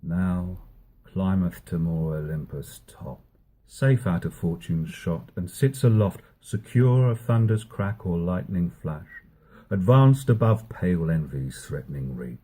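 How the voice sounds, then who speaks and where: A man's voice: fairly high pitch, very animated, normal speed, breathy edge, voice pushed up. A man voicing a scheming, ambitious villain, reading Shakespeare aloud with brooding then exultant declaiming.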